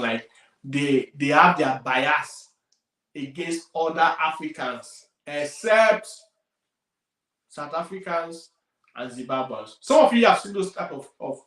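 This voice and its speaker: Emphatic Nigerian man, roomy distant sound. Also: a little high. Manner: emphatic, repeats key points, loudness swings widely. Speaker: career coach. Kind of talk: career advice talk.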